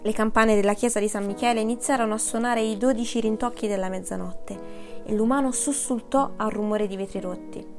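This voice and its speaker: A woman narrating a children's novel as an audiobook, steady and measured. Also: a little high, soft background music.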